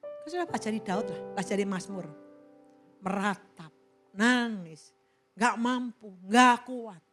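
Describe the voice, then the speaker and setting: A woman pastor preaching a sermon in a church, lively and expressive, now and then acting out quoted voices. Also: mid-range voice, a little slow, soft background music.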